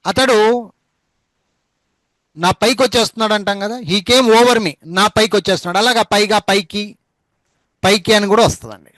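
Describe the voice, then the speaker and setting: High-voiced man teaching spellings. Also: fairly bright tone, no room sound, poor audio. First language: Telugu. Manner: spells words out letter by letter, repeats words slowly. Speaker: English teacher. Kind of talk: spoken English lesson.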